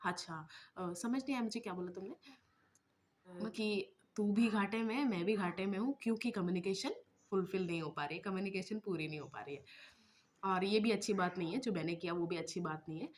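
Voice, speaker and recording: A woman's voice: mid-range voice, brisk. Chatty woman vlogging. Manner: chatty, mixes English words into Hindi, many fillers. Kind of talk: casual talking-head vlog.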